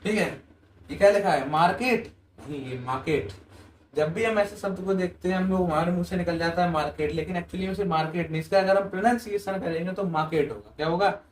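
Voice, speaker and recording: High-voiced man teaching grammar. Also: fairly even intonation, quick pace, recorded from a distance, a little hiss or hum. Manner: asks questions and answers them himself. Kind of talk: classroom-style grammar lesson. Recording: echoey room, voice off-mic.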